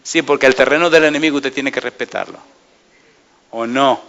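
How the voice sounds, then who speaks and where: Pastor predicando con fuerza, voz brillante. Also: male voice, mid-range voice, normal speed, creaky, lo-fi sound. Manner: preaches with many rhetorical questions to the congregation, lively storytelling. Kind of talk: sermon.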